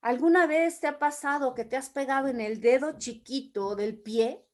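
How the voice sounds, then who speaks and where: A woman's voice: high-pitched, normal speed. A woman leading a Bible study, reading scripture aloud and explaining it with everyday examples. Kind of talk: Bible teaching.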